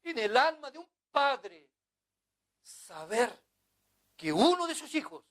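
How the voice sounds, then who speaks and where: A man's voice: very high-pitched, sing-song, takes it slowly, fairly bright tone. A man preaching a sermon as pastor, in an impassioned, pleading manner.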